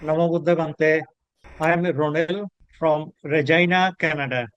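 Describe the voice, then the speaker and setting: A man's voice: on the high side, fairly even intonation, unhurried, a bit bright, smooth, lo-fi sound. A man from Bangladesh introducing himself as a student on a video call, polite and deferential. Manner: polite, deferential, addresses the monk often.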